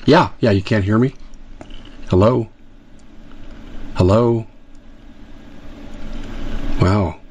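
A man's voice: fairly low pitch, very slow, long pauses, a little mellow, slightly rough. A man on a remote call whose line is dropping out, repeatedly checking whether he can be heard. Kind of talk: conversational political talk.

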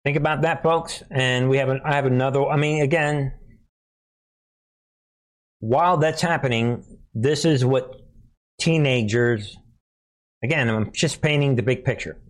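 A man hosts an informal commentary show, addressing viewers in short, preachy, alarmed phrases peppered with sarcastic asides. His voice is medium-pitched, a little slow, and he pauses often.

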